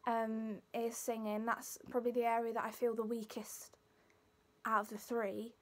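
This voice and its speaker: A woman's voice: fairly high pitch, flat delivery, normal speed. A young woman with a Leicester accent informally explaining exercises to camera as a student. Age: young adult. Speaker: singing student demonstrating vocal warm-ups.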